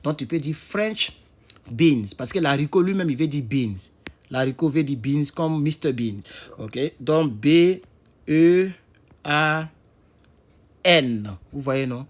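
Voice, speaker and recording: Chatty French-speaking male English teacher. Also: mid-range voice. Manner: spells words out letter by letter, repeats them slowly; chatty, talks to viewers directly. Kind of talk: casual spoken lesson.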